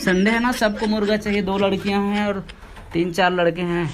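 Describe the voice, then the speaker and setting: A man's voice: high-pitched, little pitch movement, a little fast, noisy background. A young man doing a comic phone prank in public, boasting and laughing as he talks into the phone. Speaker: prankster making fake phone calls.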